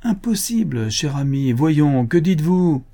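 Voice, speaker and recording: A man reading the part of a flustered, excitable male suitor who pleads and curses in an audiobook. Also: a little high, unhurried, pitched above the performer's own voice.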